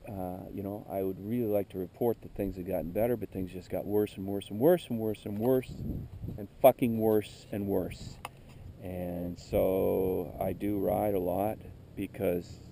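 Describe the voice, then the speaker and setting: Weary gravelly man talking to camera roadside. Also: deep voice, fairly even intonation, a little slow, dark tone, slight background noise. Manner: candid, weary, circling back to correct himself. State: emotionally worn out. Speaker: vlogger on a motorcycle trip. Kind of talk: rambling roadside monologue to camera. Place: outdoors on a rural roadside. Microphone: camera mic.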